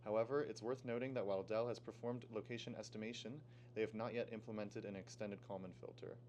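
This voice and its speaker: A teenage boy from Pennsylvania reading a scripted project presentation in a steady, explaining way. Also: on the low side, quick pace, slight background noise. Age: teens. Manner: steady, read-aloud explaining. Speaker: student presenter.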